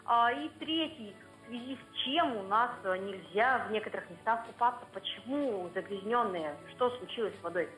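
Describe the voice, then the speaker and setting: A woman's voice: fairly high pitch, moderate pace, fairly bright tone, reverberant, faint music behind. A woman from Krasnoyarsk calling in to a radio show over the phone, asking her questions point by point with some hesitant fillers. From Krasnoyarsk, Russia. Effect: voice heard over a phone line on air.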